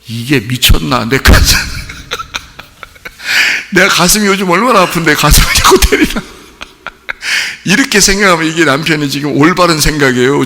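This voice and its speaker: A man's voice: medium pitch, gravelly, fairly bright tone, big-room sound. A man preaching a sermon in a conversational way, asking the congregation many rhetorical questions and acting out little quotes. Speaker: pastor. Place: church sanctuary.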